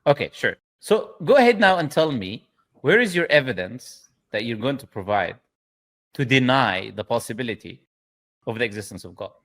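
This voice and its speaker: A man's voice: mid-range voice, sing-song, normal speed, fairly bright tone. A man hosting a debate on a video call, speaking firmly and insistently, repeating his points. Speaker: host.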